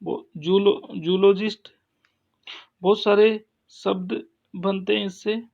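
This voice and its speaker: A man teaching an English grammar lesson, explaining slowly with frequent pauses and restarts. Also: sits high, flat delivery, vocal fry, darkish tone. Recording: dull lo-fi sound.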